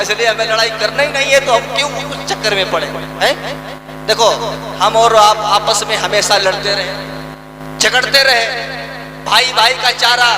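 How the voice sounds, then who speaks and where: A man preaching a devotional sermon to a village crowd, speaking to them directly and chanting precepts slowly. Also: very high voice. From Uttar Pradesh, India. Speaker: Buddhist preacher and singer. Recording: echoey loudspeaker sound at a distance. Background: music.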